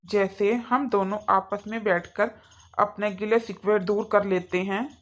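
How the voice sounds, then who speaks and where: A woman voicing a calm, sensible middle-aged father in a cartoon, reasoning patiently. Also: mid-range voice, a little slow, muffled recording, lightly acted. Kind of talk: cartoon voice acting.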